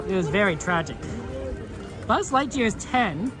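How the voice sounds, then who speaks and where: Over music, a high-voiced man with big pitch swings speaks at a measured pace while livestreaming casually from a theme park. He rambles as he reads chat aloud, with many fillers and restarts, and the park crowd is audible around him.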